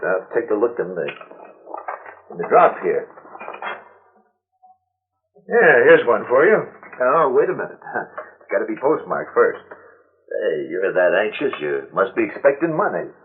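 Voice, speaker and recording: Folksy, prying male mail clerk, animated pitch, vintage radio drama with tinny, hissy sound. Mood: teasing, prying. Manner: folksy, drawn-out, inquisitive. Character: nosy, chatty male small-town mail clerk. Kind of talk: old-time radio drama acting.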